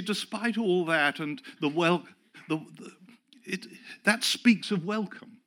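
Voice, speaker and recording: A man's voice: on the high side, pushed and bright. An older man from England preaching a sermon, chatty and self-deprecating, telling stories and acting out the people he quotes. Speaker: pastor.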